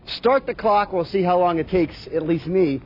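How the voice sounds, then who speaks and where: A man's voice: high voice, normal speed. Upbeat TV weatherman outdoors in snow. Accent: Baltimore. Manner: upbeat, folksy, addresses viewers as folks. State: out of breath. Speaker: TV meteorologist reporting live. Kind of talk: live field weather report. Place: outdoors on a city street in snow. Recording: dull broadcast audio with faint noise.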